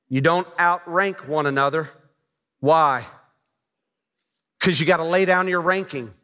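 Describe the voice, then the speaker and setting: Middle-aged guy preaching on a big stage, kinda high voice, lots of echo. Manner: animated storytelling preacher, gestures a lot. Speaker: pastor. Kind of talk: sermon. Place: large church stage. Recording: long reverb of a large hall.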